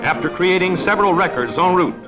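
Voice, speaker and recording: A man's voice: sits high, expressive, a little fast. A man narrating a late-1940s newsreel in an emphatic announcer manner. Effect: old newsreel narration. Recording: dull lo-fi archival sound with loud music. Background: music score.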